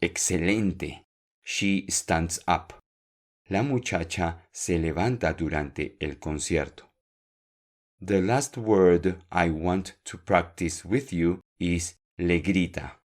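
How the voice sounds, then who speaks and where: A man with a low voice teaches a Spanish lesson on a podcast, speaking slowly and clearly. He repeats words for learners and encourages them.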